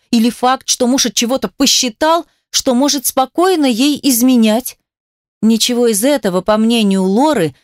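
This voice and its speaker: A woman reading an audiobook, with measured and expressive scripted narration. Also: on the high side, no room sound, studio quality.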